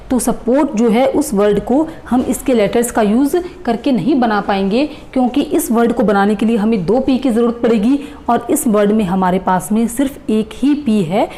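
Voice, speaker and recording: Woman, teacher, patient step-by-step explanation, spells out letters, warm tone. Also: a little high. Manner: patient, addresses viewers as friends, repeats and spells out letters. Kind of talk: explanatory reasoning lesson.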